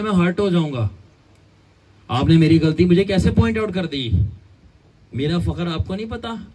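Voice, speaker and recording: A man's voice: on the high side, mellow, husky, far from the mic, pitched above the performer's own voice, poor audio. A man voicing a proud, self-pitying person who whines about his ego being hurt, in a raised voice.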